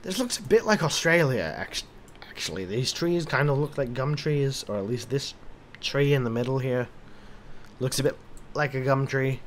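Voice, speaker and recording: A man's voice: mid-range voice, expressive, moderate pace, slight background noise. A drunk man giving casual, rambling commentary on a game, swearing and talking to himself. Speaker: gaming commentator.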